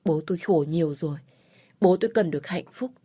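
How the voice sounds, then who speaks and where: A woman narrating a first-person story in a slow, sorrowful read. Her voice is low, dark and husky, recorded dry and close, with faint music underneath. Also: dry recording.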